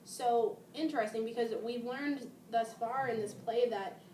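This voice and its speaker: A woman's voice: on the high side, steady tone, measured pace, dark tone. A woman teacher chatting through a play's plot, hesitant and full of fillers, often laughing at the story. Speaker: English teacher. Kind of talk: model discussion of a play. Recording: roomy, distant mic, faint noise.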